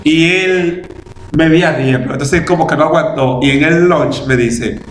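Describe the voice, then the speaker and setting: Man, pastor, high voice, animated storytelling sermon, roomy church sound with faint background hum. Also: unhurried. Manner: animated, laughing testimony, acting out past conversations. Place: church in Massachusetts. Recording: echoey church hall, faint room ambience.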